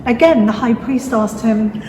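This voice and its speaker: A woman's voice: on the high side, unhurried, dark tone. A woman narrator reading scripture as part of a dramatic reading. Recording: echoey reverberant hall, clear background noise.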